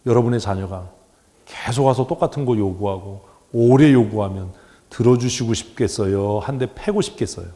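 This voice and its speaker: A man preaching a sermon as pastor in a church, animated and joking, acting out the voices he quotes. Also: on the low side, moderate pace. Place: church sanctuary. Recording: church hall with long reverb.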